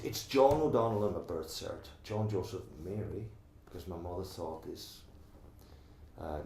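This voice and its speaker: A man's voice: deep voice, darkish tone, roomy sound, slight background noise. A middle-aged man from Donegal with an Irish accent, talking earnestly in an oral history interview and often restarting his sentences. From Ireland.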